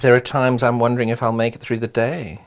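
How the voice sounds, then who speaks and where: A woman's voice: rumbling low, little pitch movement, quick pace. A middle-aged woman with a broad South African accent, chatting casually through a craft demonstration with dry, teasing humour. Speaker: craft presenter and teacher.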